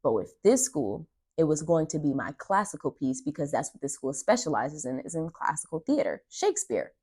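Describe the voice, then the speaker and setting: A woman's voice: deep voice, big pitch swings, brisk, darkish tone, husky. A young woman vlogger telling a story casually, chatty, and replaying conversations as she goes. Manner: chatty, retells dialogue with "I was like".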